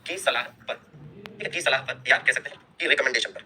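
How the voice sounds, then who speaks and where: A man's voice: medium pitch, fairly quick, pushed and bright, slight background noise. A man teaching a history lesson to exam students, repeating key terms and answering his own questions, mixing in English terms and friendly asides to the class. He is a little unwell. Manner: mixes Hindi with English terms; friendly asides to students, calling them "bhaiya" and "dost". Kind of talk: online exam-prep history lecture.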